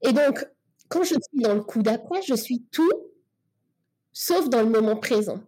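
A woman's voice: a little high, expressive, measured pace, dark tone, husky. A woman in casual podcast conversation, talking in a reflective, coaching way with many fillers and restarts.

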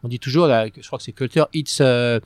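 A man's voice: mid-range voice, fairly quick, clean tone, dry recording. Hesitant French-speaking man, dry close sound. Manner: hesitant, many repeated words and restarts. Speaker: guest, business executive. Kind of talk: conversational interview.

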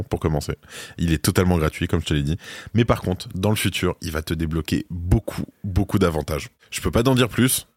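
A man's voice: deep voice, dry recording. A man with a French accent hosting a podcast in casual, informal talk, with a self-mocking streak. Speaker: podcast host.

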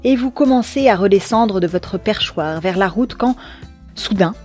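A woman's voice: medium pitch, lively intonation, normal speed, loud music behind the voice. A woman reading a scripted second-person story with wry, ironic asides and a few slangy touches. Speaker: narrator.

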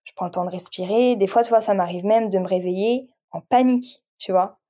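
A woman from France speaks as a podcast guest, her voice soft and warm rather than bright. She talks casually and openly, reflecting as she goes, with frequent halting restarts. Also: mid-range voice. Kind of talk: casual conversational interview.

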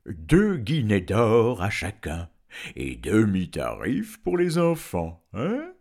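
A man's voice: lowish voice, wildly swooping pitch, gravelly, a little mellow, slightly rough, voice pushed up, exaggerated voice. Chrysophylax, a man doing a wheedling dragon. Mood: pleading. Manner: drawn-out, pleading and haggling. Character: a cowardly, wheedling old male dragon bargaining for his life. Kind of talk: audiobook reading.

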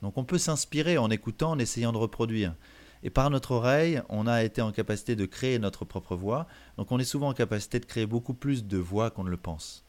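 A man of middle pitch talks as a voice coach in a relaxed interview. His delivery is animated and hands-on, with frequent restarts as he explains how the voice works. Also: a little fast.

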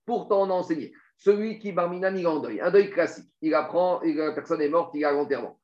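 A man with a fairly high, slightly mellow voice talks fast while teaching a Talmud class. He reads Aramaic passages and explains them step by step, posing questions and answering them himself. The room recording is dull and echoey.

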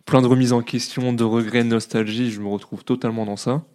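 A man's voice: mid-range voice, flat delivery, fast talker, darkish tone, clear, resonant tone. A man co-hosting a casual podcast about a rap album, talking in an informal way that turns hesitant and repetitive when something moves him. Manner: hesitant, repeats himself when moved. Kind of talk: casual chat.

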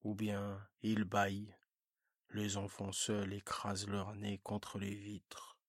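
A weary switchman answers plainly in a bedtime storybook reading, voiced by a man. His tone is fairly low and unhurried, dry and close to the mic. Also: no echo. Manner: calm, plain, explanatory. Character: matter-of-fact railway switchman, weary.

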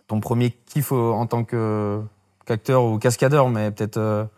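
A man's voice: fairly low pitch, steady tone, unhurried, darkish tone. Guy hosting a chill interview, stumbles into questions, lots of "euh". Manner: hesitant questions, frequent fillers and restarts. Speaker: interviewer, host. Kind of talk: casual conversational interview.

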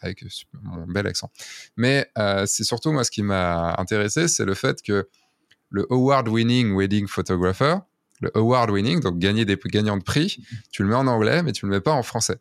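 A man's voice: fairly low pitch, expressive, moderate pace, vocal fry, no echo, studio quality. A man hosting a casual podcast interview, chatty and full of restarts. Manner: chatty, many restarts and fillers. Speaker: podcast host.

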